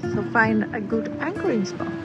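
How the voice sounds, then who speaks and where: A middle-aged woman casually narrating her sailing vlog aboard a boat, relaxed and chatty, with frequent restarts and fillers. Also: on the high side, normal speed, lo-fi sound. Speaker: sailing vlogger. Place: on a sailboat at sea. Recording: music playing under the voice.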